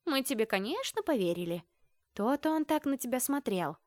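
A nosy young woman student, voiced by a woman narrator in a fantasy audiobook. She teases and snorts at her friend, a little raised and lively. The recording is dry and close. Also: fairly high pitch, moderate pace, no room sound, pitched above the performer's own voice. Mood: teasing. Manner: teasing, snorting.

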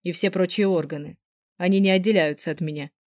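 Woman playing a bossy blunt young guy, curt grumbling delivery, low mellow voice. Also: fairly even intonation, a little fast, no echo, studio quality, lightly acted. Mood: blunt, grumpy.

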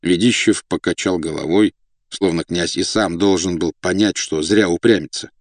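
Man reading an audiobook, lowish voice, dry close sound, measured and expressive. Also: no echo. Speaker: audiobook narrator. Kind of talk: scripted narration.

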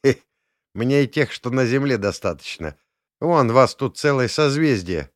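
A man voicing a brisk, jaunty young man in an audiobook, pleased with himself. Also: mid-range voice, expressive, dry recording, clean studio sound, pitched above the performer's own voice, close to an everyday voice. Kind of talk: audiobook character voice.

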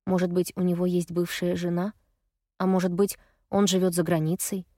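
A woman narrating a novel in the first person, with an expressive, reflective delivery. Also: lowish voice, normal speed. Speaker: audiobook narrator.

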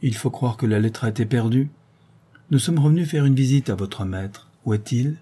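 A man's voice: medium pitch, normal speed, warm tone, slightly rough, close to an everyday voice. A man voicing a young countess who is caring, courteous and firm, in an audiobook reading. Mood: explaining.

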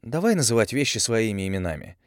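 A man's voice: lowish voice, sing-song, quick pace, no room sound, clean studio sound. A man reading an audiobook and voicing a sullen young man who answers curtly and sarcastically. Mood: cold. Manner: curt, sarcastic, through teeth.

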